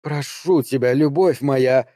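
A man's voice: medium pitch, slow pace, dark tone, no room sound, clean studio sound. A man voicing a scheming, seductive woman who pleads, coaxes and wheedles in an audiobook reading. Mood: tearful pleading. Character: seductive scheming woman, ageless former ruler of the house.

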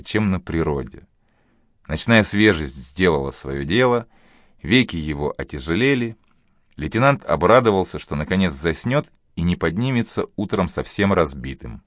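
A man reading an audiobook novel aloud in an even, measured way. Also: low-pitched, dry recording, clean studio sound. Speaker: audiobook narrator. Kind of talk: scripted audiobook narration.

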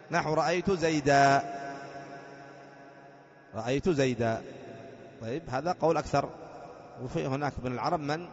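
A man teaching a grammar lesson, explaining patiently, quizzing students with rhetorical questions, and chanting the text slowly when reading it aloud. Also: on the high side. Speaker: sheikh teaching Arabic grammar. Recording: dull lo-fi lecture recording in a reverberant hall.

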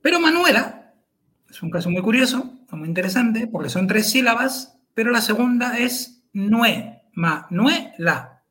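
A man's voice: very high-pitched, animated, moderate pace, sharp tone. A man, co-hosting a podcast chat and explaining pronunciation carefully, syllable by syllable. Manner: careful and methodical, spells out syllables.

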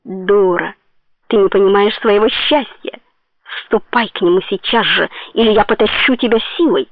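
A woman's voice: medium pitch, moderate pace, no room sound, lightly acted. Woman playing a jeering old hag. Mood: scornful. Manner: jeering, bossy. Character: scheming mocking old woman procuress. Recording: tinny phone-like dry sound.

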